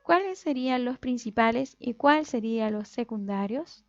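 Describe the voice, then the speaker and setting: A woman teacher giving a recorded lesson, explaining step by step in a patient way and slowly stretching out example words. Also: on the high side, lively intonation, dry recording. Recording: dull lo-fi sound with faint music.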